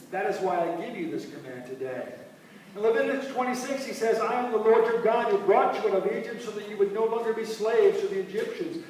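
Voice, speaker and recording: A man's voice: high-pitched, a little mellow, a little hiss or hum. A man preaching a sermon to a congregation, reading scripture aloud and asking his listeners questions. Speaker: pastor. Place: church sanctuary. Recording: echoey church hall, mic from a distance.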